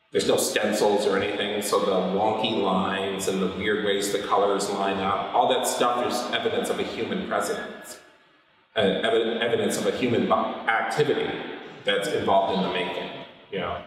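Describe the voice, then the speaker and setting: Middle-aged man, low voice, echoey gallery. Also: a bit bright. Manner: thoughtful, often ends points with "right?". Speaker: painter discussing his work. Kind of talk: reflective studio interview. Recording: roomy, echoey, from a distance.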